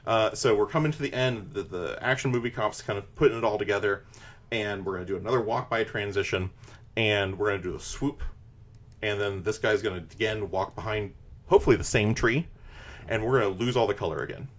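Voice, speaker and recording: Brief: podcast host, man, slightly low voice, rambling casual pitch, lots of fillers. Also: fairly quick.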